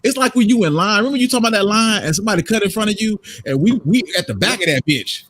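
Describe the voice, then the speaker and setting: A man's voice: high voice, expressive, rapid-fire, fairly bright tone. A man co-hosting a casual podcast chat, talking emphatically and joking with frequent laughs. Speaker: podcast co-host.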